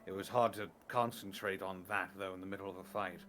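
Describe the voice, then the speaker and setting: A man's voice: low-pitched, steady tone, a little fast, music in the background. A man playing his character in a tabletop game, talking in a hesitant, musing way and often restarting. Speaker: player. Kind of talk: in-character tabletop role-play.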